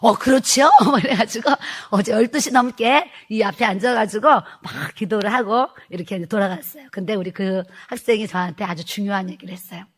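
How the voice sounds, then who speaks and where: A woman's voice: medium pitch, fairly quick, few pauses, slightly rough. A middle-aged woman, a pastor's wife, retelling a church testimony in a sermon, acting out the quoted speech and laughing as she goes.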